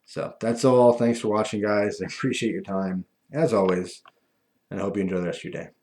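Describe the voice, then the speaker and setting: A man talking casually and ramblingly to viewers, with a lispy voice from missing front teeth that softens his F and V sounds. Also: fairly low pitch, fairly even intonation, fairly quick, slight background noise. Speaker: video host.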